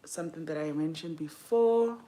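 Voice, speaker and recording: A young South African woman chats casually on a livestream while doing her makeup, her slightly low voice carrying a dark tone at a moderate pace. Informal and talkative, she thinks aloud, often trailing off mid-sentence before starting another.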